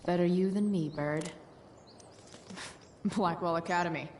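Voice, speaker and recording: A woman's voice: lowish voice, takes it slowly, darkish tone, a little hiss or hum. A woman voicing a sarcastic, rebellious teenage girl in a video game, slangy and hesitant, with a wry drawl. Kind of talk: video game dialogue and muttered inner commentary.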